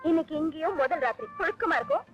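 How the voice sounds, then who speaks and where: An actress playing a sharp-tongued, teasing young village wife in a film comedy, quarrelsome. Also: female voice, very high voice, animated, very fast, highs cut off, soft background music. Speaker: wife, daughter-in-law. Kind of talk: 1980s film comedy acting.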